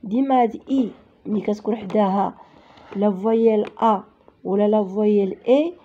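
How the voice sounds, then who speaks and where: A woman's voice: medium pitch, a little fast, highs cut off, slight background noise. A woman teacher with a Moroccan Arabic accent, patiently spelling out sounds letter by letter in a reading lesson for children.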